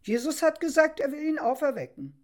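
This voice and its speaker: A woman's voice: high voice, very animated, a little fast, pitched above the performer's own voice. Earnest apostle Peter, read by a woman. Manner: explaining earnestly, storybook voicing. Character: apostle Peter, earnest grown man, patient. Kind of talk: storybook reading.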